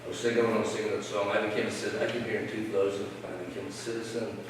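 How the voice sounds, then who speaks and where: A man's voice: on the low side, flat delivery, racing, noisy background. A middle-aged Irish man, a folk musician, chatting and joking between songs at a live community event. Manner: chatty, self-deprecating, joking. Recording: echoey hall, mic from far, loud guitar.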